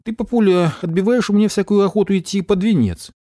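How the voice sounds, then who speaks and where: A man's voice: high-pitched, fast talker, dark tone, no echo, studio quality, pitched above the performer's own voice, lightly acted. A man reading aloud and voicing an anxious, emotional young woman who pleads and frets. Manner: pleading, tearful.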